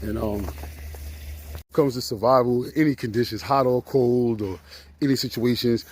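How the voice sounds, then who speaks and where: A man's voice: mid-range voice, normal speed, a little mellow, slightly rough. A man vlogging outdoors in winter, talking in a slangy, chatty way and a little out of breath. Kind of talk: casual outdoor vlog. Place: outdoors on a frozen lake in winter.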